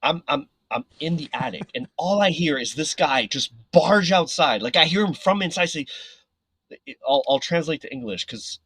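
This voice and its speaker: Male podcast guest; husky, animated storyteller; dry close-mic sound. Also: on the high side, normal speed, dry recording, rough recording. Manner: animated, filler-heavy, frequent "right?". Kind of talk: casual storytelling.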